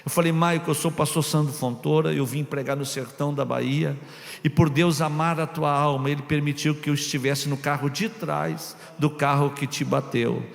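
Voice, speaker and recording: A Brazilian pastor telling a story in a sermon, dramatic, swinging from shouts to hushed tones. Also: male voice, fairly high pitch, fairly even intonation, normal speed, vocal fry. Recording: long reverb of a large hall.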